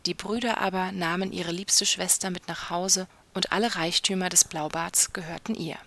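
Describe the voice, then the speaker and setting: A woman reading a fairy tale aloud in a hushed manner, often sinking to a soft whisper. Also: lowish voice, fairly even intonation, moderate pace. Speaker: storyteller.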